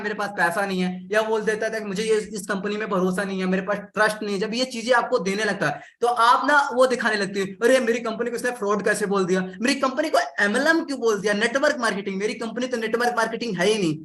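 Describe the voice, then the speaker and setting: High bright-voiced male sales trainer. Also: roomy sound. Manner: animated, acts out customer and seller lines, addresses audience directly. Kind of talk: live sales training session.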